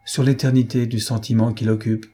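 A man voicing a serious, gracious young princess in an audiobook, with a husky voice. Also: mid-range voice, level tone, brisk, mellow, natural voice. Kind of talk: audiobook character reading.

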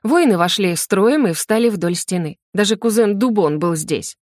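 A woman narrating a first-person audiobook with an ironic, lively manner. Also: medium pitch, moderate pace, no room sound, studio quality.

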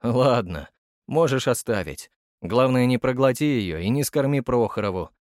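A man's voice: mid-range voice, big pitch swings, normal speed, a little mellow, no room sound, studio quality. A man voicing a theatrical, commanding curator with a steely tone.

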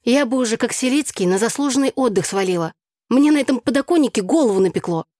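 A woman voicing a sharp-tongued young drama student who declaims poetry theatrically and mocks others in an audiobook. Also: high voice, takes it slowly, breathy edge, dry recording, clean studio sound, voice pushed up, heavily acted. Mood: snarky. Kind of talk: audiobook character voice.

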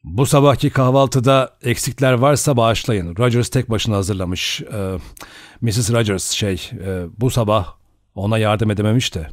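A man as a calm, measured doctor. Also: on the low side, dry recording, natural voice. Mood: apologetic. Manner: measured, dry. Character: calm middle-aged male doctor, measured and dry.

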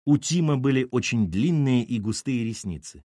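A man narrating an audiobook in an expressive, scripted style. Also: mid-range voice, normal speed, no echo, studio quality. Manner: animated, expressive.

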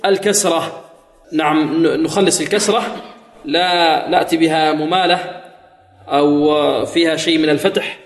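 A man teaching Quran recitation rules, quizzing his students with questions and chanting verses slowly to demonstrate. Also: fairly high pitch, fairly even intonation. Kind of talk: tajweed lesson with chanted recitation. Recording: echoey hall.

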